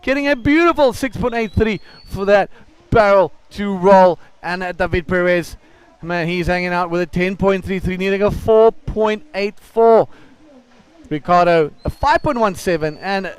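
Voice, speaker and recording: A man giving excited, colloquial live surf commentary, exclaiming and repeating phrases for emphasis. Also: sits high, normal speed, clean tone, no room sound.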